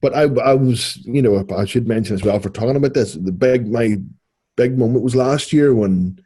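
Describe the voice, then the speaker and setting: A middle-aged man with a Belfast accent, co-hosting a podcast in relaxed, rambling casual chat. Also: medium pitch, moderate pace, husky. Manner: relaxed, rambling, self-correcting. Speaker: podcast co-host.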